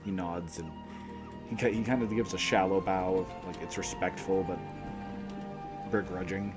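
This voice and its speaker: A man's voice: sits low, steady tone, moderate pace, music in the background. A man narrating as game master of a tabletop game, with loose, rambling description full of restarts and a cough.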